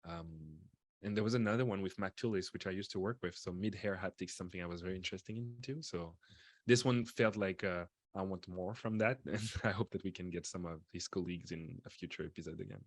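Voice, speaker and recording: A man with a very low voice co-hosting a podcast. He talks in a relaxed, casual way and pauses on fillers as he thinks aloud. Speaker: podcast co-host. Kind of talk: casual chat.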